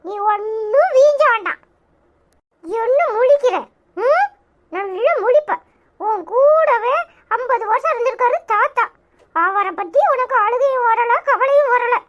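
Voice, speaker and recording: A woman's voice: very high voice, expressive, a little slow. A woman voicing a sarcastic, nagging young grandson with a Tirunelveli Tamil accent in a cartoon. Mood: mocking. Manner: nagging, mocking questions. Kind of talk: cartoon voice acting.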